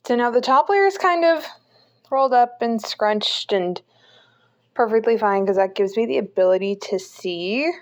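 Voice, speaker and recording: A woman's voice: on the high side, expressive, moderate pace. Chatty young woman knitting vlogger. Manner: chatty and candid, frequent ums. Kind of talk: casual knitting tutorial. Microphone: phone on a stand.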